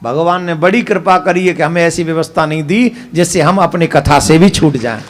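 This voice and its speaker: A man's voice: fairly high pitch, normal speed, some chatter behind, a little hiss or hum. A man preaching a devotional katha sermon, emphatic and full of rhetorical questions to the audience.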